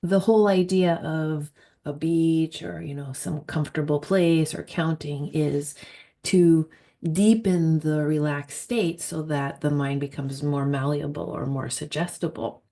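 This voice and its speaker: A woman speaking as a hypnotherapist in an informal explanatory monologue, thoughtful and emphatic, pausing mid-phrase. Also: low voice, steady tone, dark tone.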